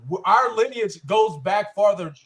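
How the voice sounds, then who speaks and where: A man's voice: sits high, a little slow, a crowd in the background. A man hosting a podcast panel, arguing and challenging the other guests in a heated debate. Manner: argumentative, challenging. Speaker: podcast host.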